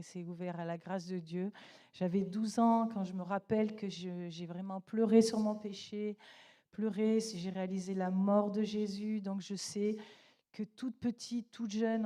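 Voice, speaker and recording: A middle-aged woman giving an earnest church testimony, halting often and restarting her sentences. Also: lowish voice, mellow. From Italian roots. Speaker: guest speaker giving a testimony.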